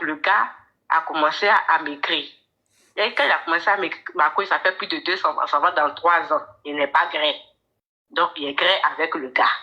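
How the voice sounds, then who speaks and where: A woman's voice: on the low side, bright, forceful tone, lo-fi sound. A woman caller telling her own story to a coach, hesitant, often repeating words and restarting. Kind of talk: casual storytelling chat.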